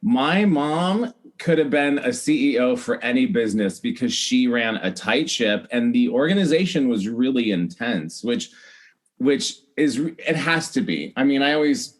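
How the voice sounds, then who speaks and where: As a podcast guest, this celebrity hair stylist tells animated personal stories in an interview. He's a middle-aged American man from Iowa who chats emphatically, repeats things for emphasis, and acts out people's remarks. His medium-pitched voice has lively intonation and moves a little slowly.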